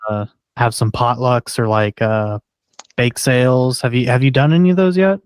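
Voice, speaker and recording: A man co-hosts a casual podcast and keeps things easygoing, feeding his partner questions and reactions. His voice is smooth and clear, at a middle pitch. The recording is dry and close. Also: steady tone, normal speed, no echo. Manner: easygoing, prompting the other host. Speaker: podcast co-host.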